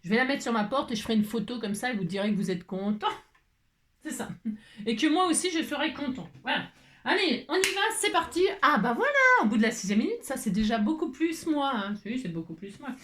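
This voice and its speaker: A woman's voice: a little high, expressive, brisk, a bit bright, roomy sound. A French woman chatting in a rambling way, talking to herself as she leads a crafting tutorial at home. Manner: rambling, talks to herself, many "hein"s. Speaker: crafting vlogger.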